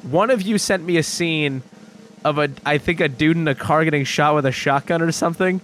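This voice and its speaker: A man's voice: a little high, a little fast, slight background noise. Wry, joking podcast man. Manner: wry, joking deadpan, laughs at own jokes. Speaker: podcast co-host. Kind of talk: casual chat.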